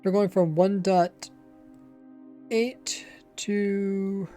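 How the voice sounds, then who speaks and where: Speaking extremely slowly, this man has a warm, high voice with fairly even intonation as he plays Minecraft on stream and rambles casually. Faint music runs underneath, and his lazy, slightly mumbled speech carries a faint accent.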